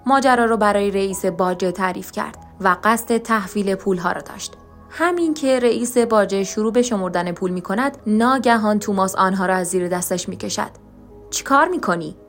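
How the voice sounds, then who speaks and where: Woman narrating a story over faint music. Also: mid-range voice. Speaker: podcast narrator.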